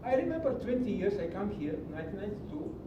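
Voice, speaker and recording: Very animated and fast, a middle-aged man from Greece gives a passionate public comment in broken English at a county meeting, taking a preachy tone. His voice echoes through a large meeting hall, heard from a distance over a low rumble.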